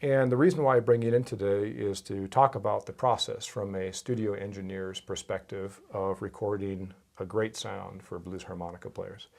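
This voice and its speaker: Middle-aged man with a gravelly voice. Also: on the low side. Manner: friendly, steady questioning. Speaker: interview host. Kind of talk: casual interview. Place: home music studio, indoors.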